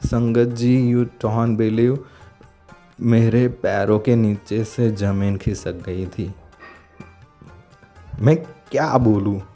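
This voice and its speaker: A man tells a heartfelt personal testimony in a dark, relaxed voice. He speaks earnestly, often halting and starting sentences over as he looks for the right words. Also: fairly low pitch, soft background music. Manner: halting, searching for words, frequent restarts. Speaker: devotee sharing a testimony.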